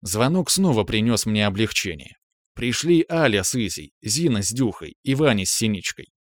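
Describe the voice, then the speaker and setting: A man reading a first-person novel aloud in a wry, lively storytelling manner. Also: lowish voice, moderate pace, no echo, studio quality. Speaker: audiobook narrator.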